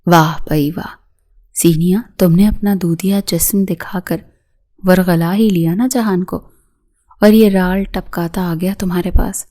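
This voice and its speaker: A woman's voice: on the low side, fairly even intonation, natural voice. A woman reading the part of a jealous, furious young wife who hurls insults. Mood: mocking. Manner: spiteful, shouting insults.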